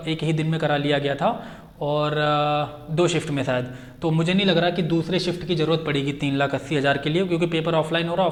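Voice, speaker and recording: In an informal update meant to explain, a male coaching teacher with a slightly high voice keeps repeating the key phrases for emphasis, and much of his speech includes English words.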